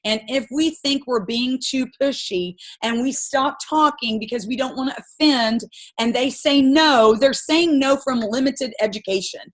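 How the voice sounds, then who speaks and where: A woman's voice: high-pitched, a little slow. A woman coaching her sales team on a group call, giving an impassioned, rambling pep talk full of stories.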